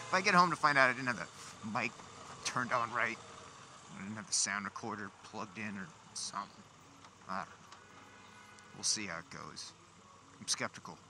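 A man vlogging casually from inside a motorcycle helmet as he rides, with wry, grumbling asides to himself. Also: on the low side. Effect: voice enclosed inside a motorcycle helmet. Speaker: motovlogger. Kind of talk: casual chat, muttering to himself while riding. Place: riding a motorcycle outdoors on city streets at night. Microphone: small mic inside helmet, recorder. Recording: engine and traffic noise, helmet-mounted mic.

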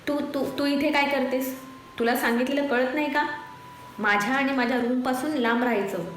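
A woman's voice: high voice, fairly even intonation, normal speed, fairly bright tone. Woman doing a sneering young husband. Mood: scolding. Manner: cutting, contemptuous. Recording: echoey room with faint noise.

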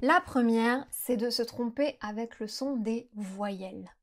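Young woman from France, French tutor; fairly high voice, clear careful delivery, explains and models sounds slowly. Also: a little hiss or hum. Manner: clear, careful pronunciation with slowed examples. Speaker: French teacher. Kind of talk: explanatory lesson to camera.

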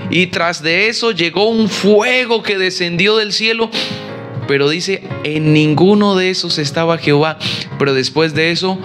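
A preacher delivers his sermon with emphasis, and his voice sits a little high for a man. He acts out the figures he quotes, and soft guitar plays underneath.

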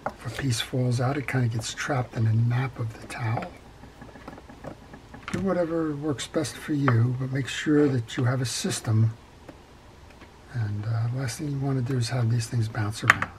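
Calm man explaining a workbench repair. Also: mid-range voice, background noise. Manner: calm, practical, talks while working, frequent fillers. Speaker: fishing reel repair instructor. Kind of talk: step-by-step repair tutorial. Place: workshop bench.

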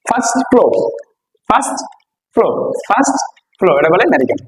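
Male teacher from Bangladesh, higher register, patient drilling style, asks and answers his own questions. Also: big pitch swings, quick pace, poor audio. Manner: repeats each word and quizzes listeners with questions. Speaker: English teacher. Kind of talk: classroom-style vocabulary lesson.

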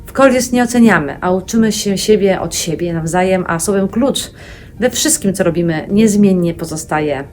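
A woman giving a calm, deliberate corporate statement for her company. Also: medium pitch, slight background noise. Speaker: company representative.

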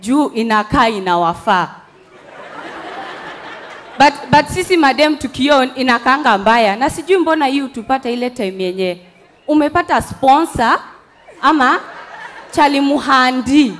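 A woman's voice: high-pitched, lively intonation, normal speed, pauses often, fairly bright tone, some chatter behind, slight background noise. A young Kenyan woman doing stand-up on an indoor stage through a headset mic, chatty and mimicking voices. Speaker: stand-up comedian. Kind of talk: stand-up comedy in mixed Swahili and English.

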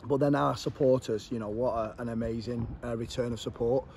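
A man's voice: medium pitch, fairly even intonation, fairly quick, darkish tone, slight background noise. A man in his forties with an English accent, a football manager giving an earnest post-match interview outdoors at a ground, repeating words as he thinks.

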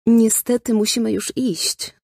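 Kobieta grająca spokojną, cierpliwą mamę. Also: female voice, fairly high pitch, steady tone, a little slow, creaky, warm tone, no room sound, studio quality, voice pushed up. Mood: gentle. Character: patient, gently firm mother. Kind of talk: audiobook character voice.

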